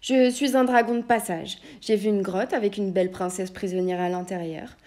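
A woman's voice: mid-range voice, steady tone, moderate pace, darkish tone, lightly acted. A woman voicing a haughty she-dragon. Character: female dragon, brash and possessive.

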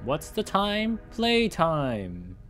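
Lively young man reacting to a horror game. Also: on the high side, very slow, faint music behind. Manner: chatty, reacts with startled exclamations. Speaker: gaming channel host. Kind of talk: horror game let's play commentary.

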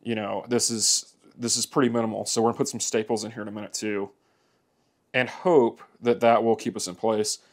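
This motorcycle repair man has a lowish, flat voice and keeps things brisk. He narrates a hands-on plastic welding fix in his indoor workshop, relaxed and plain-talking as he goes.

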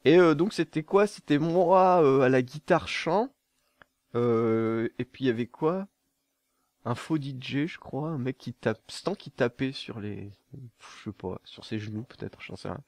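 A man's voice: medium pitch, unhurried, a little mellow, no echo. A young man from southern France answering viewer questions to camera in a casual, jokey way, laughing at his own jokes and stumbling over fillers.

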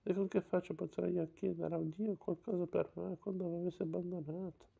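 A man's voice: high voice, level tone, moderate pace, gravelly, dark tone, slightly rough, dull audio, exaggerated voice. A man reading aloud voices a compassionate elderly friar, speaking in a solemn, consoling way. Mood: earnest. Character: compassionate elderly male friar, gentle but indignant.

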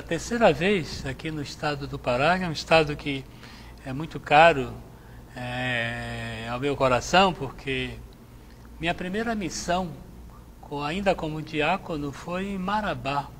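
A middle-aged man, a Jesuit priest from Salvador, answering interview questions in a measured, reflective way on a lapel mic in a TV studio. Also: on the high side, a bit bright, a little hiss or hum. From Salvador, Bahia, Brazil. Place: TV studio with chapel set.

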